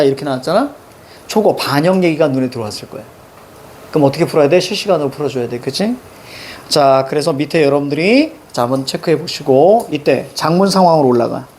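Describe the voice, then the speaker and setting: A male teacher giving a classroom lecture on exam questions, brisk and instructive, checking in often with quick rhetorical questions. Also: a little high, darkish tone, slight background noise. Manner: brisk, instructive, keeps students marking text.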